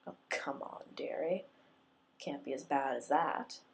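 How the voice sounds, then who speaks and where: A woman's voice: a bass voice, a little slow, gravelly, heavily acted. A woman whispering as a smug, teasing Scottish man. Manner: hushed, half-whispered teasing.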